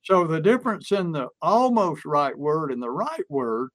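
A man's voice: a little high, lively intonation, normal speed, a bit bright, no room sound. A man explaining a point in casual conversation, using folksy stories and acted-out examples. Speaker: sales and persuasion speaker. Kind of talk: conversational teaching chat.

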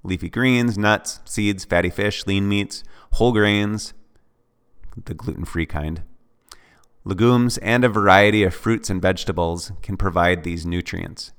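Deep-voiced man reading a course script. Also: measured pace, smooth. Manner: steady list-reading with occasional offhand asides. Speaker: fitness program instructor.

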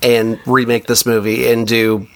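A man's voice: mid-range voice, flat delivery, a little slow. A man co-hosting a podcast, chatting casually and sarcastically about a bad movie. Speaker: podcast co-host.

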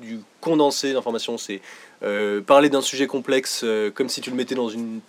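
A man's voice: medium pitch, fairly even intonation, normal speed. Young French man explaining science casually. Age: 20s. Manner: enthusiastic explainer, hedging with many fillers. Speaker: podcast guest. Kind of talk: casual chat.

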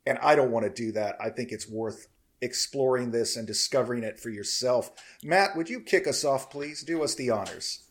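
A man hosting a casual review podcast, loose and joking, handing turns to his co-hosts. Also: medium pitch. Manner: loose, joking, quick to laugh. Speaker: podcast host.

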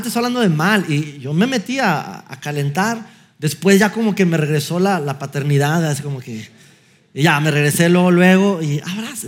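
A middle-aged man with a Mexican accent, preaching a sermon as an animated storyteller who acts out dialogue with light self-mocking humor. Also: a little high.

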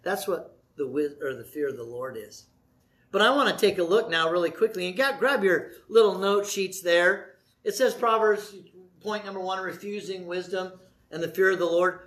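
A man preaching a sermon as pastor, folksy and animated, with asides and jokes to the congregation. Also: sits high.

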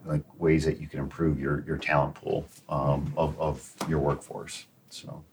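Very deep-voiced man hosting a show. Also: little pitch movement, unhurried, a little mellow, a little hiss or hum, poor audio. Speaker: show host. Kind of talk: conversational hosting of an interview show.

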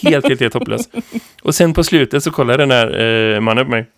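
A man in his thirties, a teacher co-hosting a podcast, who tells stories in a lively, rambling way full of fillers. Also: medium pitch, creaky, dry recording, studio quality. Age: 30s. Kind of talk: casual podcast chat.

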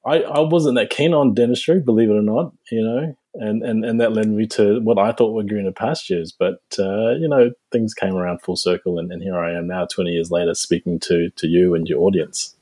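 A man in his forties from New Zealand, a guest dentist answering interview questions in a reflective, halting way with frequent restarts. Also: fairly low pitch, mellow, breathy edge.

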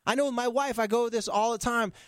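A male therapist chatting casually, an animated storyteller who jumps between topics. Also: very high-pitched, fast, smooth, no echo, studio quality. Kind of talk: casual podcast chat.

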